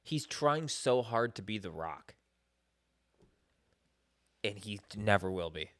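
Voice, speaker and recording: A man's voice: fairly low pitch, expressive, takes it slowly, a bit bright. Blunt, skeptical young man on a podcast. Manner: skeptical, blunt, swears casually. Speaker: podcast co-host. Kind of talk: casual chat.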